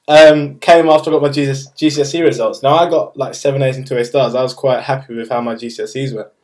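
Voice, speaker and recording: A man's voice: medium pitch, darkish tone. Upbeat young man vlogging. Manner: upbeat, chatty, retells scenes with acted quotes. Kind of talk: casual storytelling to camera.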